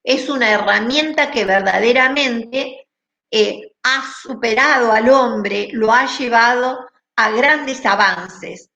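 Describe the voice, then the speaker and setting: Slow, deliberate woman teacher, roomy sound. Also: a little high, vocal fry, bright, forceful tone, lo-fi sound. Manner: deliberate, explanatory, checks understanding with "¿sí?". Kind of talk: online class lecture. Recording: roomy echo.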